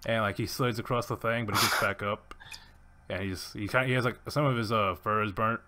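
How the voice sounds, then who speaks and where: A man's voice: on the low side, fairly even intonation, a little fast, sharp tone. Rambling young man running a game. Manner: rambling, many fillers and restarts. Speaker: game master. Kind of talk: narrating a tabletop game.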